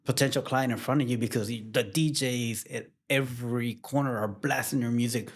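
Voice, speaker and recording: A man who works as a wedding photographer, talking casually in an interview with a relaxed, plainspoken manner and frequent restarts. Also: mid-range voice, fairly quick.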